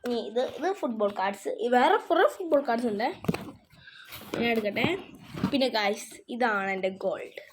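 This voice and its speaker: A woman's voice: on the high side, normal speed, noisy background. A woman chatting casually in a show-and-tell vlog, reading names off her cards one by one. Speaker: vlogger showing her card collection.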